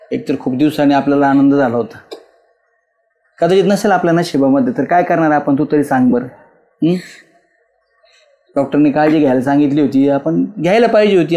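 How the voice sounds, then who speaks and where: A man playing a gentle village husband. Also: on the high side, natural voice. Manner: soothing, reassuring, repetitive. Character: gentle rural husband comforting his grieving wife. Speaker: husband in a village web series.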